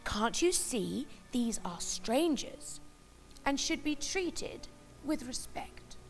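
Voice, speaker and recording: A woman's voice: high-pitched, sing-song, takes it slowly, creaky, faint music behind, full character voice. A woman voicing a dainty young china princess from a storybook, prim and genteel. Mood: scolding.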